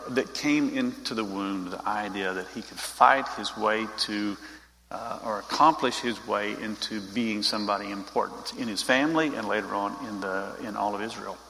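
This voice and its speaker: A man's voice: fairly low pitch, bright, forceful tone, big-room sound, low-quality recording. A man giving an informal Bible teaching, talking straight to his group in a conversational way.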